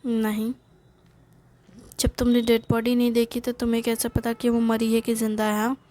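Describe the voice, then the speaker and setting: A woman voicing a worried middle-aged mother who scolds her only son in fast, anxious bursts. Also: fairly high pitch, darkish tone, close to an everyday voice. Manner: rapid, nagging, anxious scolding.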